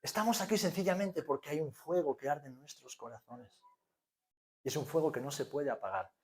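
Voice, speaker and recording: A male pastor in his forties with an accent from Spain, preaching a sermon that swings from hushed to loud. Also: on the high side. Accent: Spanish from Spain.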